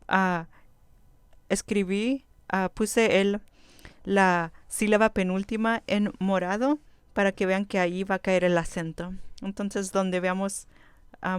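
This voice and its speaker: A woman teaching a vocabulary lesson, saying each word slowly and carefully and repeating it before giving its meaning. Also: mid-range voice, clean tone, no echo. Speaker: Biblical Hebrew teacher.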